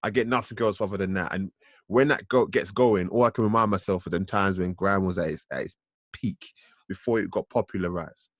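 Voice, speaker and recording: Low-voiced reflective podcast man. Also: no echo, studio quality. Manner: reflective, drawn-out, nostalgic. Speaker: podcast co-host. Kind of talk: casual chat about music.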